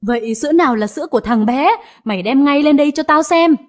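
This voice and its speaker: A woman voicing an elderly matriarch, stern and sharp-tongued, in an audio story. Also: high-pitched, animated, normal speed. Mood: furious. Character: stern grieving elderly mother, family matriarch.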